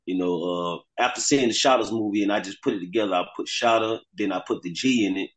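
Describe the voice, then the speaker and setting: A man from South Florida speaks in a fairly low voice, loose and unhurried. He hesitates often and fills pauses with ums as he talks casually about his work as a guest on a phone interview. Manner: relaxed, hesitant with many fillers. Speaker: guest artist.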